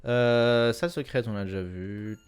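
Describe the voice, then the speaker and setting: A young man casually commenting on his own video game run, chatty and self-correcting with sudden excited bursts. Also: medium pitch, a little slow, clean tone. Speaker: gameplay commentator. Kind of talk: casual let's-play commentary.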